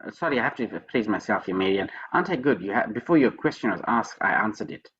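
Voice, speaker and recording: A man leads an online programming class over a video call, his lower voice husky and a little dull through the call audio. He repeats words in quick bursts and jokes by praising himself. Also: animated, a bit bright. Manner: playful, repeats words, teasing self-praise. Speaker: programming lecturer. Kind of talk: online tutoring session.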